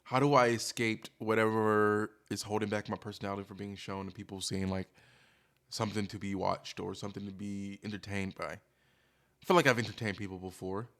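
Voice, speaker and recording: Low-voiced, self-deprecating man thinking aloud. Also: flat delivery, fairly quick, fairly bright tone. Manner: rambling, hesitant, thinking aloud. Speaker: streamer. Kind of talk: candid confessional monologue, casual chat.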